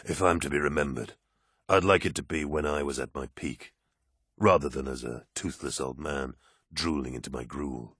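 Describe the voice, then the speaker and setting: A man with a husky voice reading the part of a superhuman warrior captain, low, quiet and flatly certain. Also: moderate pace, no echo, clean studio sound, full character voice. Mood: stoic. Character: towering superhuman warrior captain, calm and stoic.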